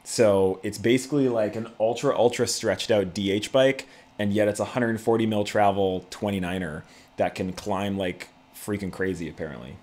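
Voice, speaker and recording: A man's voice: on the low side, steady tone, moderate pace, a little mellow. A man hosting a casual livestream, chatting to viewers in a laid-back, conversational way. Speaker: YouTube channel host.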